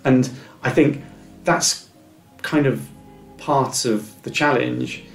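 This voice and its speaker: A slow, gravelly, mid-range voice belongs to a middle-aged man being interviewed. He offers heartfelt, encouraging advice in a reflective tone, stammering as he repeats words and begins again. The recording has room echo and faint music.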